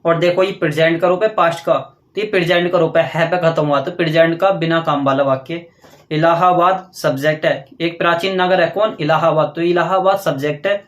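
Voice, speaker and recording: Male teacher, classroom lecture, step-by-step explaining, higher voice, echoey room. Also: steady tone, a bit bright. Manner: explains step by step, asks questions and answers them himself; dictates slowly while writing on a board.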